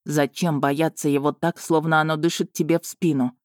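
A woman's voice: deep voice, moderate pace, no echo, studio quality, natural voice. Woman voicing Vargan, a stern dragon-man. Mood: calm, suspicious. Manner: curt, flat and commanding. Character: blunt, unflappable male dragon-man, stern and calm. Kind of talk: audiobook character voice.

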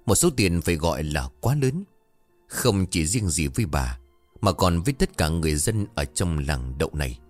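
A man narrating a scripted spoken story in a steady, measured way. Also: deep voice, faint music behind.

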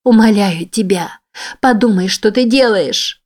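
A woman voicing a frightened young woman who pleads in a high, panicked voice. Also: unhurried, a little mellow, natural voice. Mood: pleading.

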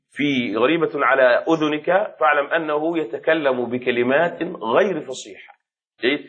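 A sheikh teaching a lesson, with a voice pitched a little high for a man. He explains patiently, repeats key words and keeps checking that the listener understands. The recording sounds dull and lo-fi. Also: fairly bright tone. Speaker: sheikh teaching Arabic rhetoric. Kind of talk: classroom lesson.

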